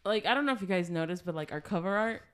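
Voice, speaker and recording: A young woman co-hosting a podcast tells a personal story in casual, chatty fashion, using lots of fillers like "like". Her medium-pitched voice is expressive, clear, and resonant, and she talks very fast.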